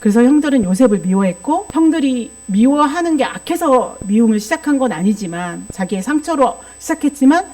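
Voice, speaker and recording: Woman preacher, sermon with psychology teaching, rhetorical questions, somewhat high voice. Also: expressive, a little fast, hardly any pauses, warm tone. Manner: explanatory, frequent rhetorical questions to the congregation.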